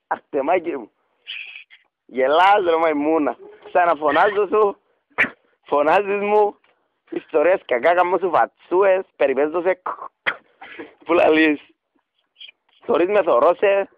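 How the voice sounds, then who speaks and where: A man's voice: high voice, no room sound. A man with a Cypriot Greek accent making a radio prank phone call, pleading and rambling theatrically with cooing pet names. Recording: dull radio recording.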